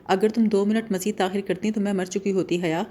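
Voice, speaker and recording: A young friend who grumbles dramatically and loves to show off, read by a woman narrator. the voice stays mellow and soft in a storybook audiobook. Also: mid-range voice, steady tone, a little hiss or hum, close to an everyday voice. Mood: complaining.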